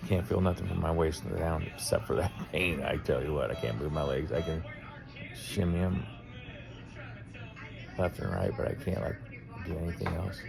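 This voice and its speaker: A man's voice: extremely low pitch, moderate pace, gravelly, long pauses. A man in his fifties recording a nervous, rambling video diary on his phone, first from a car and then from a hospital room. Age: 50s. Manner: nervous, rambling, self-deprecating. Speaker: vlogger.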